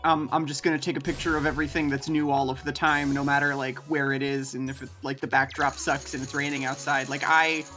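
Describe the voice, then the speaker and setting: Role: co-streamer. Style: casual gaming chat. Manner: rambling and easygoing, with a bright, forceful tone. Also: medium pitch, flat delivery, a little fast, hardly any pauses, faint music behind. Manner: rambling, many fillers and restarts, laughs easily, casual swearing. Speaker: co-streamer, guest.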